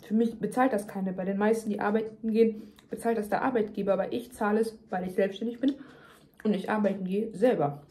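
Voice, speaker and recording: A woman's voice: medium pitch, steady tone, a little fast, mellow. A young woman venting emphatically in casual chat to her viewers, talking while chewing. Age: young adult. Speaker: vlogger. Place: home kitchen, indoors.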